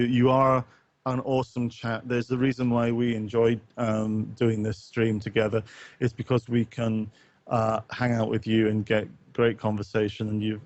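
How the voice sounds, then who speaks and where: A man with a fairly low, slightly mellow voice co-hosts a podcast and streams, talking casually with live viewers in a rambling, hesitant, wry manner. The dry recording sounds like dull, close, lo-fi voice chat.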